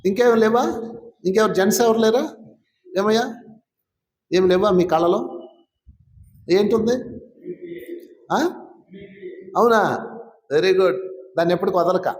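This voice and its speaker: High-voiced man teaching a gathering. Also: slow pace, long pauses, darkish tone. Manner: conversational, quizzes and teases listeners. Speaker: spiritual teacher. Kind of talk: informal talk to a live gathering. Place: gathering hall with an audience. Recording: roomy, echoing hall sound.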